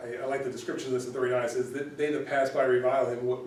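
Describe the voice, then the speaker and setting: A man's voice: medium pitch, flat delivery, racing, darkish tone, a little hiss or hum. Man teaching Bible study in an echoey room. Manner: conversational, repeats words, often asks "right?". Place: church room. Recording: roomy echo, recorded from far off.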